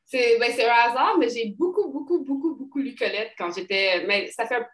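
A woman's voice: on the high side, normal speed, a bit bright. Québécois woman, echoey room. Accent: Québécois French. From Quebec. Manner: rambling, many fillers and restarts. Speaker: poet, interview guest. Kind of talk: casual interview talk.

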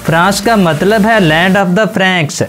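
A man narrating a scripted facts video, addressing viewers as friends in a brisk voice-over. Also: high voice, a bit bright. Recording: faint music under voice-over. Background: background music.

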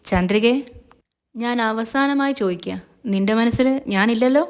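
A woman's voice: fairly high pitch, normal speed, clear, resonant tone, natural voice. Woman voicing an earnest lovesick young boss.

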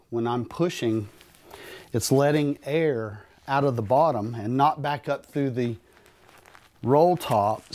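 A man in his thirties giving a relaxed, plain-spoken demonstration of camping gear while handling it in a carpeted room at home. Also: mid-range voice. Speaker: gear reviewer. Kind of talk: casual product demonstration. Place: carpeted room in a house, indoors.

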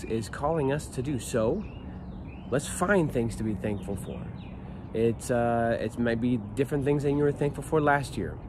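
Upbeat male youth pastor, thirties, medium pitch, casual encouraging devotional talk, phone recording outdoors with clear street noise. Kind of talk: devotional video message to a youth group, casual. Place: outdoors by a wooden fence. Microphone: phone at arm's length. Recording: outdoor noise, traffic and ambience.

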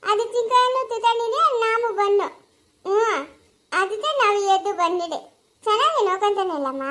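Woman doing a very high lisping simple daughter. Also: fairly bright tone. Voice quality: lisping, childlike speech. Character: simple-minded, lisping young married daughter. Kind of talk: family skit acting.

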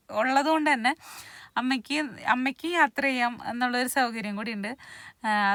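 A woman, chatting casually through a home vlog with drawn-out fillers. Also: fairly high pitch, a bit bright, dry recording, clean studio sound. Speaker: vlogger. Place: home, kitchen and yard.

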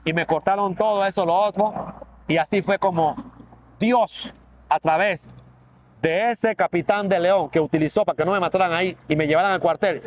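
A man's voice: a little high, a little hiss or hum. A man giving a dramatic personal testimony, acting out the voices in his story with animation.

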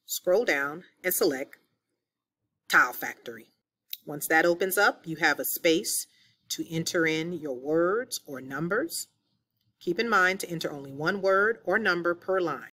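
Narrating over a screen recording, a woman teacher walks through a software tutorial with clear step-by-step instructions. Her voice is fairly low in pitch, animated, and unhurried.

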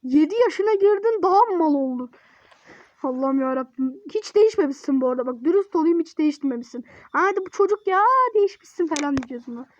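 A woman's voice: sits high, lively intonation, fast, darkish tone, no room sound, lo-fi sound. A woman giving casual gaming commentary, blunt and teasing, swearing freely and scolding the game's child. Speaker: game streamer.

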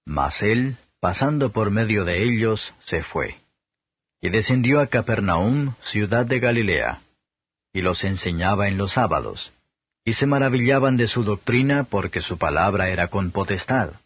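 A man giving a steady, measured Bible reading as an audiobook narrator, on a dull, slightly lo-fi recording. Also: fairly low pitch, husky, no echo.

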